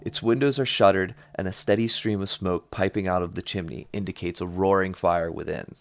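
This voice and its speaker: A man's voice: low-pitched, fairly even intonation, a little fast, no room sound. A man running a tabletop game as game master, narrating casually in a hesitant, easygoing way.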